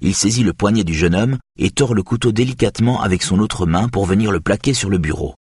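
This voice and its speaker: Deep husky male narrator. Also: a little fast, a little mellow, no echo, clean studio sound. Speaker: audiobook narrator. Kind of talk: scripted narration.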